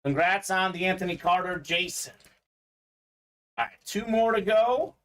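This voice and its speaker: A man hosting a live sports memorabilia break, talking in a bright, fairly high register. He keeps up a quick, chatty patter and reads viewer comments aloud. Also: expressive. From Bulgaria. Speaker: sports card break host. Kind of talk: live-stream sales patter.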